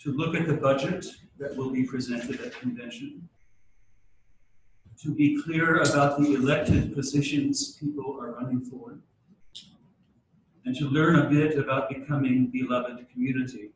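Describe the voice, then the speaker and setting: A man addresses a church gathering in a measured, formal way and then leads a prayer, now and then catching himself in small halting restarts. His mid-range voice sits well away from the microphone and is swallowed by a deep cathedral echo. A faint room ambience sits beneath it. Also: a little hiss or hum. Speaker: church leader opening a diocesan meeting. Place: large church hall. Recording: cavernous church echo from a distant mic.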